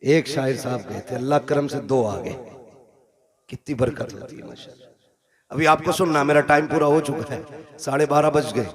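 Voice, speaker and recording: A man's voice: mid-range voice, normal speed. A man preaching a religious sermon to a live gathering, telling a story and coaxing the crowd to call out. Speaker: Islamic preacher. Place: mosque gathering with PA system.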